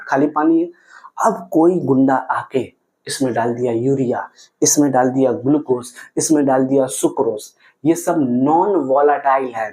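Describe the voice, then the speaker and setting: A man's voice: a little high, a little mellow, poor audio. A man teaching chemistry, asking questions and answering them himself. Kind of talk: classroom lecture.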